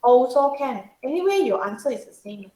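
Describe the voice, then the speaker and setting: This accounting tutor speaks with a high, mellow, animated voice at normal speed, in a Singaporean or Malaysian English accent. The informal tutorial is recorded in a roomy, echoey space, and she frequently asks checking questions and uses colloquial particles.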